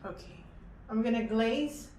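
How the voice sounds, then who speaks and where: A woman giving a casual painting tutorial, thinking aloud in short, halting phrases as she works. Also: a little high, a little mellow, a little hiss or hum. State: breathing heavily. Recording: echoey room with faint ambience.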